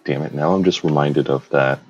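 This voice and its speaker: A man's voice: extremely low pitch, fairly even intonation, fairly quick, breathy edge. A man chatting casually and teasing his friend about a character, with joking asides. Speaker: co-host, character owner. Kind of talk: casual chat. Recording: dull lo-fi mic, faint music.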